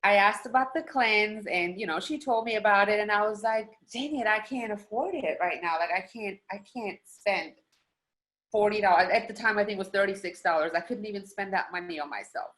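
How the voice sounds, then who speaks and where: A woman's voice: mid-range voice, moderate pace. Earnest woman in her forties, stuffy voice. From Germany. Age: 40s. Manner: earnest and steady, telling her story. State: stuffy from allergies. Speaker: guest. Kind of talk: personal story on a video call.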